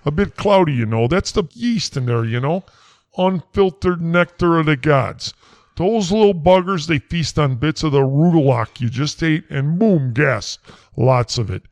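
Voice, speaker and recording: A man's voice: a little high, lively intonation, a little slow, a little mellow, no room sound. A man playing a blustering, folksy quack doctor, rambling in a comedy sketch. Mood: lecturing. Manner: rambling, brash, folksy slang.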